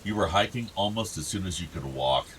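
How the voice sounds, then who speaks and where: A male actor in a naturalistic radio drama plays a fond, outdoorsy middle-aged father of two grown sons, sounding warm and reminiscing. His low, slightly bright voice has lively intonation and a slightly fast pace. The recording is rough, with slight background noise.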